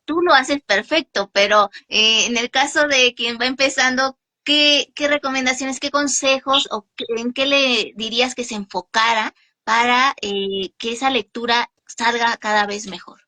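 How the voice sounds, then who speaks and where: A woman's voice: fairly high pitch, measured pace, pushed and bright. A woman hosting an online literary gathering, asking questions hesitantly with some fillers. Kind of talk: interview questions.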